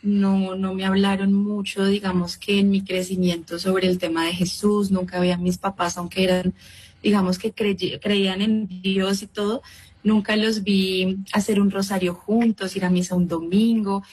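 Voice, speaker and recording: A woman's voice: mid-range voice, little pitch movement, moderate pace, a little mellow, breathy edge, low-quality recording. A woman in her thirties giving an earnest, reflective personal faith testimony as a guest. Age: 30s. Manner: earnest, reflective, with frequent restarts.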